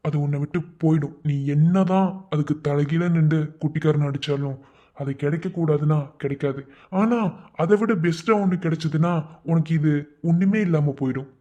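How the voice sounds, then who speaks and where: A man's voice: fairly high pitch, normal speed, mellow, highs cut off, natural voice. A man voicing a blunt young man in a cartoon who lectures his lovesick friend, in a Madurai Tamil accent. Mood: reassuring. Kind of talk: animated cartoon voice acting.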